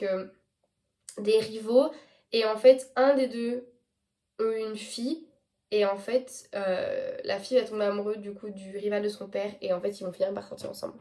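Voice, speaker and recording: A woman's voice: mid-range voice, darkish tone. A teenage girl chatting casually to her viewers, hesitant and a little tired and sick, stumbling over English titles. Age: teens. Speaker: book vlogger. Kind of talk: casual chat to camera.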